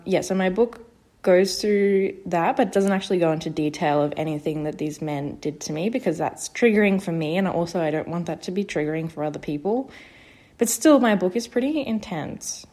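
A woman's voice: on the low side, warm tone. A woman in her twenties hosting a solo podcast, nervous and hesitant, with many fillers and restarts. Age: 20s. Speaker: podcast host. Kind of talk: casual solo podcast talk.

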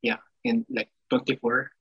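A young man with a Cebuano accent, a student guest talking haltingly with many fillers, mixing Cebuano into English. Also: mid-range voice, big pitch swings, vocal fry, a bit bright, husky. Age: young adult. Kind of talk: casual podcast chat. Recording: muffled lo-fi mic.

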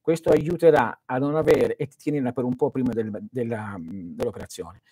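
A man's voice: mid-range voice, moderate pace, mellow, a little hiss or hum. A man hosting a live stream as a spiritual teacher, answering viewers' questions in an earnest, didactic way and speaking straight to his listeners.

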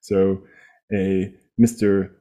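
A man's voice: sits low, little pitch movement, extremely slow, mellow. A man co-hosting a podcast, giving a wry, conversational recap of a comic book. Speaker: podcast co-host.

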